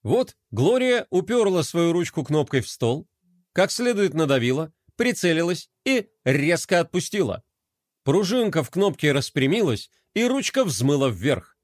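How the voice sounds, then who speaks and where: A man reading a children's audiobook in a playful, animated storytelling manner. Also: fairly high pitch, unhurried, no room sound, clean studio sound. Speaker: narrator.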